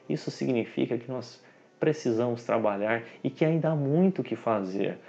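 A man in his thirties giving a devotional talk in a small room, slow and earnest, stretching key words. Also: mid-range voice, vocal fry, dark tone, dull audio. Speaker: spiritist lecturer. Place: small dim room indoors.

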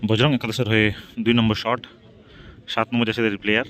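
Fast-talking man commentating football. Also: lowish voice, little pitch movement, a bit bright, a little hiss or hum. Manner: repeats team names and phrases while following each shot. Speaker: football commentator and channel host. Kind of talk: live football match commentary.

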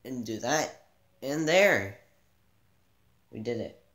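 A man giving a casual gameplay tutorial, relaxed and thinking aloud as he plays in a dim room, filmed by a camera pointed at the TV. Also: medium pitch, takes it slowly, roomy sound. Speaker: gaming channel host.

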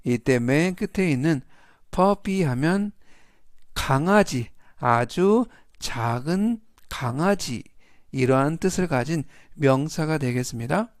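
A man teaching English vocabulary, reading each word and example sentence in slow, deliberate steps. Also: fairly high pitch, expressive, no echo, studio quality. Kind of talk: scripted vocabulary lesson.

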